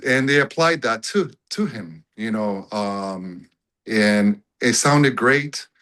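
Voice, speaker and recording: A man's voice: lowish voice, animated, takes it slowly, a bit bright, rough recording. A man, calling in to a chat over a video call and telling a story in an easygoing way. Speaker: audience member calling in.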